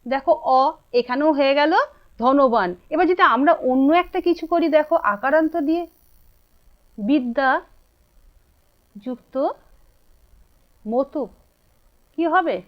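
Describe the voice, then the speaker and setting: A woman's voice: high-pitched, fairly quick. A woman with a Bengali accent teaching a grammar lesson, asking her students questions and answering them herself. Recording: dull lo-fi sound.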